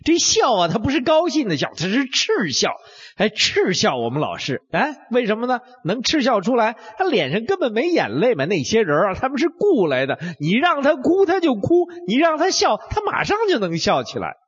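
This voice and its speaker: A man telling a Bible story in a dramatic, animated way, swinging between hushed lines and exclamations. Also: very high voice, normal speed, husky. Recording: dull lo-fi recording.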